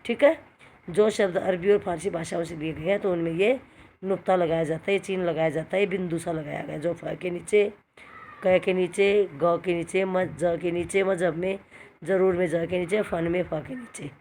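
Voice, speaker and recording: Woman teacher, lowish voice, slow repeated examples, faint background hiss. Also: fairly even intonation, a little mellow. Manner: patient, repeats examples slowly, asks and answers her own questions. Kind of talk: recorded grammar lesson for students. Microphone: phone screen recording.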